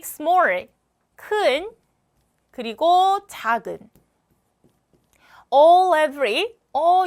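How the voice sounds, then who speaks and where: A young woman with a high-pitched, slightly bright voice teaches an English lesson in a recorded exam walkthrough. She patiently explains each question step by step and repeats words to drill pronunciation.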